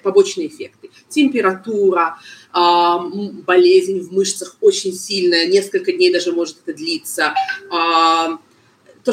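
A woman's voice: fairly low pitch, poor audio. Woman, explaining stuff in an interview, keeps searching for words, bit of background noise. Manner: halting, searches for words, mixes in foreign terms. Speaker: medical expert guest being interviewed.

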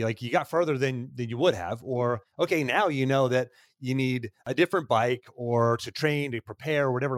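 A man's voice: medium pitch, no room sound, studio quality. A man hosting a podcast, talking in a conversational way and stacking up phrases for emphasis. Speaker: podcast host. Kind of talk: casual podcast interview.

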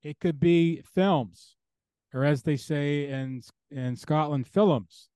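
A man's voice: fairly high pitch, slow pace, warm tone, clean tone, no room sound. A man speaking as an interview guest and theologian, talking earnestly and building his points through repeated parallel phrases.

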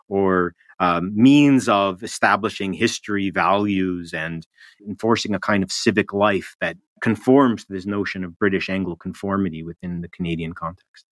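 A man giving measured, scholarly explanation in a documentary interview. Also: low-pitched, dry recording. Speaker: academic commentator.

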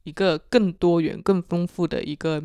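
A woman's voice: on the low side, fairly even intonation, normal speed, warm tone, dry recording, clean studio sound. A woman with a Teochew accent from the Chaoshan region, co-hosting a casual podcast chat. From Chaoshan, Guangdong, China. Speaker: podcast co-host.

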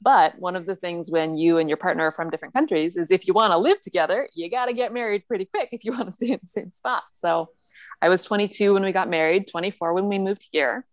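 A woman's voice: lowish voice, quick pace, no room sound. Laughing, chatty woman in her forties. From Northern California. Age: 40s. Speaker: guest. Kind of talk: casual interview chat. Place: home with the lights off.

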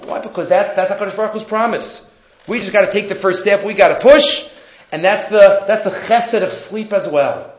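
A man with giving an animated religious lesson as a rabbi, emphatic, repeating phrases and answering his own questions. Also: high-pitched, moderate pace. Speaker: rabbi teaching a Torah class. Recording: echoey room, dull muffled sound.

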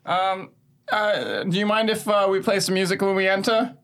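A man playing a tabletop game, goofy and excitable. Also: high voice, normal speed. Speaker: player. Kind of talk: casual tabletop play.

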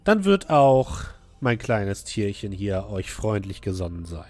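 A man acts out a gracious but menacing fantasy queen in a tabletop game. Every phrase is deliberate, courteous and condescending, with music underneath. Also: lowish voice, sing-song, a little mellow. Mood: gracious menace. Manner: slow, deliberate, formally courteous. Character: smiling, condescending, menacingly gracious female ruler on a throne.

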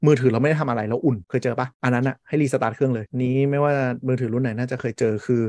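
A man's voice: medium pitch, steady tone, racing, a little mellow, no room sound. A man hosting a casual tech chat, talking bluntly and swearing offhandedly. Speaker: podcast host.

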